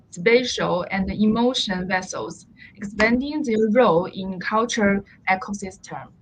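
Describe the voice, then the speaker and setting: A woman professor with a Chinese accent, giving an academic presentation in halting English over a video call. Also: low-quality recording. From China. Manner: halting, many uh pauses. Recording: faint noise with low rumble.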